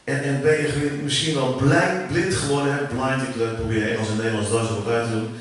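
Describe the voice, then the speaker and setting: A middle-aged man with a Dutch accent preaching a sermon, animated, jumping up in pitch and volume for emphasis and often restarting his words. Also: fairly quick. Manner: animated, rising sharply in pitch and volume for emphasis, many repeated starts. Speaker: preacher and worship leader. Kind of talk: sermon teaching. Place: church hall. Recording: far from the mic in a very echoey room with faint ambient noise.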